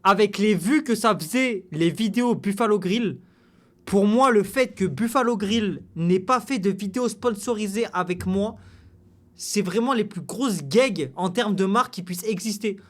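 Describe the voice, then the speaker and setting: A young man reacting to a video, animated, joking and swearing freely. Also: high-pitched, normal speed. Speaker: content creator reacting to a video. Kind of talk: casual reaction commentary.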